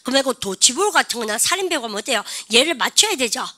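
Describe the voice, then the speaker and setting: A middle-aged woman gives an English grammar lecture to a classroom in a fairly high, very bright voice. She keeps the lesson lively, drilling her students with quick call-and-response prompts.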